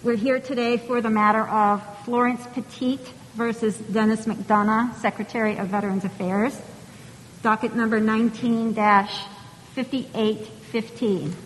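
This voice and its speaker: A woman presides over a formal hearing as judge, courteous and orderly. Her voice sits fairly high, carried through a reverberant hall with faint rumble. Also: fairly even intonation, a little slow. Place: large conference hall.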